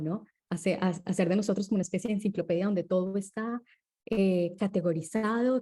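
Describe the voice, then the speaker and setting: A woman with a mellow, warm voice, talking as a guest in an interview. She explains things calmly and steadily, pausing now and then to check that the listener is following. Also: mid-range voice. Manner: calm and explanatory, often checks in with tag questions.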